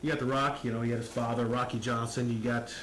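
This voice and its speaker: American man, wrestler in promo interview, mid-pitched, earnest repetitive phrasing, echoey room, faint noise. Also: level tone, fast talker, a bit bright. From Las Vegas, United States. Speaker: professional wrestler being interviewed. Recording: roomy, echoing recording with faint noise.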